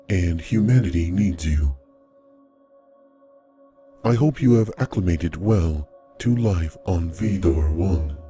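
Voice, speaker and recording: A man voicing a calm, formal male station AI, with a deep metallic robot sound and a measured, clinical, overly formal way of talking.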